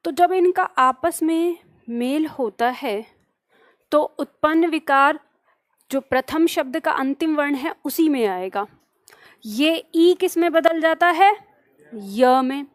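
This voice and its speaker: Brief: a woman teacher, high voice, slow careful dictation, dry close sound. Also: lively intonation, no echo. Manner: slow deliberate dictation, scolding asides. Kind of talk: online grammar class, dictating notes.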